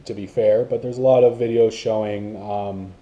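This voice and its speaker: A man's voice: lowish voice, steady tone, moderate pace, warm tone, muffled recording. A man vlogging about paintball to camera, in a rambling casual talk with many fillers and restarts.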